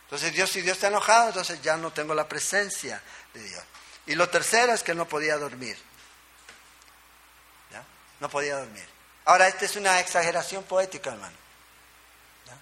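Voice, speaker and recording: Bright-voiced preacher checking in with listeners. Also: male voice, on the high side, animated, fairly quick, pauses often. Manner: conversational, checks in with listeners with a constant "¿ya?"; emphatic, with rhetorical questions and short punchy answers. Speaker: pastor. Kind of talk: expository sermon.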